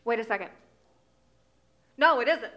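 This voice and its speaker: An actress playing a poised young heroine in a 1940s style radio drama, coy and quick to brush things off. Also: female voice, fairly high pitch, expressive, bright, forceful tone. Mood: hushed urgent.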